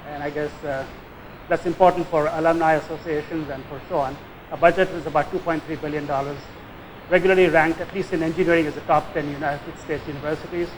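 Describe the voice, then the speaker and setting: An older man with a Tamil Indian accent lectures in an informal, conversational way. His voice sits a little high for a man, and he often checks in with short questioning tags. A faint hiss runs behind him in the lecture recording. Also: poor audio. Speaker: guest lecturer, nuclear engineering professor.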